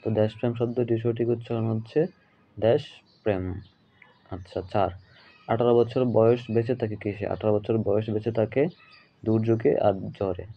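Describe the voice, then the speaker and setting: A man's voice: lowish voice, level tone, fairly quick. Man repeating quiz answers, dull audio. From Bangladesh. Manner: repeats each question and answer. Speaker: teacher. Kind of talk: exam question walkthrough.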